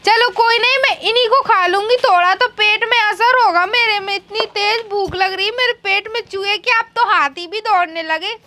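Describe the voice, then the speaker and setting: A woman playing a greedy, always-hungry old mistress of the house who whines and shouts demands at her maid, in a comedy skit. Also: extremely high pitch, moderate pace, few pauses. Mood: moaning hungry. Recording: background music under the voice.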